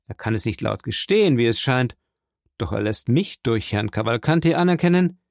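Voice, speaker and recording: A man's voice: medium pitch, animated, normal speed, dry recording, clean studio sound, close to an everyday voice. A man voicing a cold, guarded young male impostor who answers curtly, in a storybook reading. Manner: curt, guarded.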